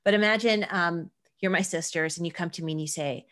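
Animated middle-aged woman acting out dialogue. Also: lowish voice, brisk. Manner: animated, acts out voices in quoted dialogue. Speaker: guest creativity teacher. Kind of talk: casual interview chat.

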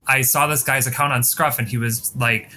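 A man with a bright, forward voice at a medium pitch hosts a casual podcast. He talks informally, in a wry and gossipy manner. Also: steady tone, moderate pace. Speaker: podcast host. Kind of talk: casual chat.

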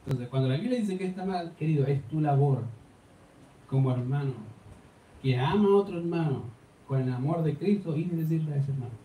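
Chilean pastor preaching in an echoey hall. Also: male voice, a little high, a little fast, mellow. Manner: direct, urges with rhetorical questions. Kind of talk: sermon. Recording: echoey room from a distance, faint noise.

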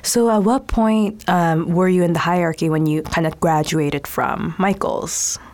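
A woman's voice: on the low side, fairly even intonation, unhurried, darkish tone. A woman co-hosting a chat, asking curious follow-up questions. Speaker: podcast co-host. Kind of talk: casual chat.

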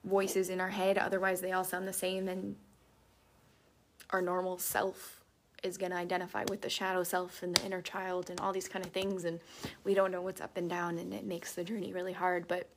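Woman coach, gravelly, soft and reflective, drifts into half-whispers during a self-help live stream. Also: mid-range voice.

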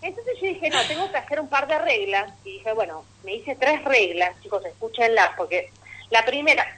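A woman with a Rioplatense Argentine accent delivers a stand-up monologue on radio. Her voice sits fairly high and swoops up and down a lot as she tells her stories. She throws chatty asides to the audience and laughs at her own punchlines. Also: lively intonation, moderate pace, sharp tone, breathy edge, rough recording. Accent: Rioplatense Argentine Spanish. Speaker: stand-up comedian.

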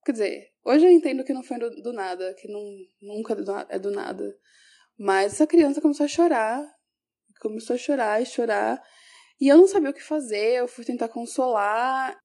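Female teacher recounting an anecdote; reflective, corrects herself as she goes, slightly high, mellow voice. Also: expressive, fairly quick. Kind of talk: personal storytelling.

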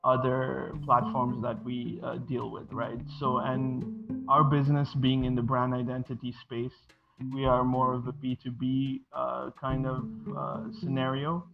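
This guest, a design studio co-founder in his twenties, was born in Sri Lanka and raised in Bahrain. He answers questions in an unhurried, monotone mid-range voice with vocal fry, hesitating casually with lots of fillers and restarts. Music sits behind the dull, lo-fi recording.

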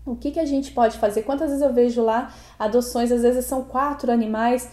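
A woman's voice: on the high side, steady tone, fairly quick, dark tone. A Brazilian woman co-hosting a podcast in a conversational, earnest and reflective way, choosing her words as she goes. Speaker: podcast co-host, animal protection advocate. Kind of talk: conversational pet podcast talk. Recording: roomy, echoing voice recording.

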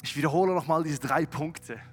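A man preaching a sermon to his congregation and leading a closing prayer. He moves between quiet, low passages and loud, emphatic rises, speaks straight to his listeners and slips English words into his German. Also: brisk, soft background music. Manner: addresses listeners directly and calls out to the congregation. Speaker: pastor. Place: church service, streamed to several sites.

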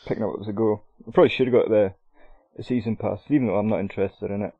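A man co-hosts a casual gaming chat in a low, gravelly, husky voice. The audio is thin and phone-like. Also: steady tone, rapid-fire, no echo. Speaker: podcast co-host.

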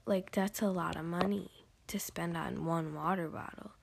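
A teenage girl doing a whispered ASMR talk, casual and rambling with many fillers, in a breathy whisper. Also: fairly low pitch, fairly even intonation, normal speed, a little hiss or hum.

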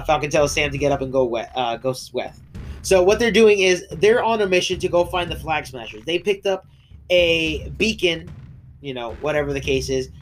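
A man's voice: fairly high pitch, a little hiss or hum. A man co-hosting a casual podcast, retelling a show's episode in a rambling way with laughs and restarts, his voice breaking and coughing now and then. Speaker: podcast co-host. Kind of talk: casual recap chat.

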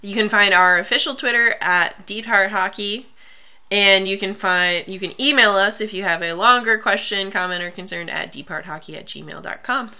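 A woman's voice: mid-range voice, normal speed, bright, forceful tone. A hungover, tired woman co-hosting a podcast in casual chat, fading as she talks. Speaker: hockey podcast co-host.

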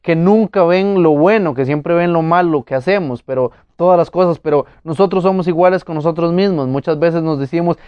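A man's voice: fairly high pitch, brisk, hardly any pauses, clean tone, no room sound, lo-fi sound. A man preaching a motivational sermon, talking earnestly and with emphasis, speaking straight to his listeners.

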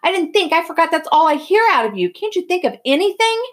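Woman voicing a furious, scolding older brother, loud and high. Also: sing-song, quick pace. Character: stern, hot-tempered older brother, young man.

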